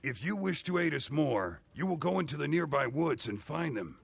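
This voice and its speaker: A man's voice: fairly high pitch, lively intonation, normal speed, vocal fry. An actor playing a weary male village leader in hiding in a video game, speaking with grave earnestness. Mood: solemn. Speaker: game character.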